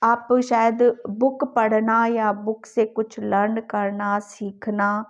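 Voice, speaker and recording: Her voice on the high side with little pitch movement, a woman tarot reader speaks slowly to her viewers. She's coaxing and supportive, often ending a thought with "ठीक है" as a reassuring check-in, and the highs are cut off.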